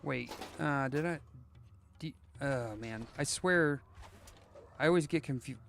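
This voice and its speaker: A man running a casual live game stream, thinking out loud in a rambling, joking way and tripping over his own sentences. His voice sits at a middling pitch for a man, with a faint hum of background noise behind him. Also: takes it slowly, gravelly. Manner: rambling, joking, thinking aloud with many restarts.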